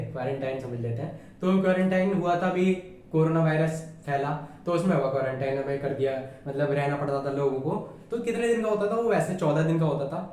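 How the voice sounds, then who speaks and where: A man with a fairly high, mellow voice runs a casual exam-prep lesson, chatting familiarly and checking again and again that his students understand. He sits well back from the microphone in a bare, strongly echoing room. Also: slight background noise. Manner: chatty, checks understanding often, calls listeners "yaar". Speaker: reasoning teacher. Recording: very echoey room, voice far from mic.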